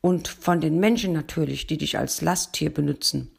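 Storybook bear, pleading and exasperated, gravelly, husky voice; woman reader. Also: low voice, normal speed, darkish tone, exaggerated voice. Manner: pleading, insistent. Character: pleading, exasperated male bear, the donkey's friend.

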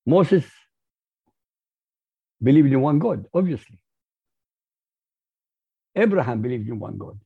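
A man with an Arabic accent, his first language Arabic, speaking as a podcast guest. He talks in an emphatic, lecturing way with a husky voice. The audio is muffled and lo-fi. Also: medium pitch, very animated, slow pace, long pauses. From Iraq. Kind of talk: interview.

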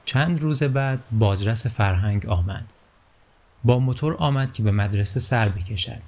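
A man reading a children's storybook aloud in a calm, steady narrating voice. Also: medium pitch.

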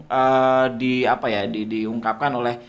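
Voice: mid-range voice, flat delivery, unhurried. Upbeat podcast co-host giving advice. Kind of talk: casual podcast chat.

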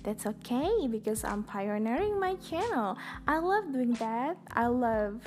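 A young Indonesian-accented woman hosts her podcast as a casual, talkative monologue packed with fillers, very animated over faint background music. Her darkish voice sits fairly high, and she speaks at an unhurried pace.

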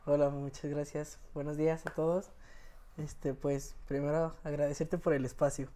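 A man's voice: fairly high pitch, level tone, normal speed, mellow. A man in his twenties with a Mexican Spanish accent, a podcast guest telling personal stories in a casual, often laughing way. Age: 20s. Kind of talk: casual interview storytelling.

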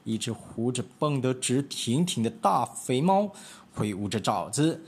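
A man from Malaysia telling a children's picture-book story in a medium voice. His storytelling is expressive, and his pitch swings widely as he brings the tale to life. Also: unhurried, husky. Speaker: storybook reader.

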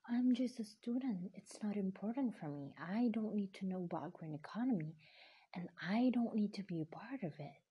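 A woman's voice: medium pitch, lively intonation, normal speed, warm tone, slightly rough. A woman voicing a dismissive young student who brushes things off. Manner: dismissive, offhand.

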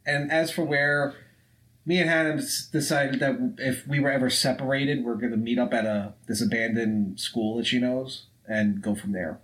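A man's voice: mid-range voice, steady tone, moderate pace, a bit bright, low-quality recording. A man co-hosting a podcast in casual chat, talking loosely and swearing freely. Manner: loose and profane, acts out scenes with voices. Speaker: podcast co-host.

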